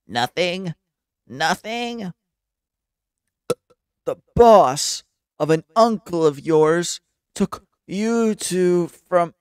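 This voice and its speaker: A man voicing a snarky, boastful male bandit in a game, talking in a slow sneer. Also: fairly high pitch, smooth, dry recording, clean studio sound, pitched above the performer's own voice. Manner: sneering, drawn-out.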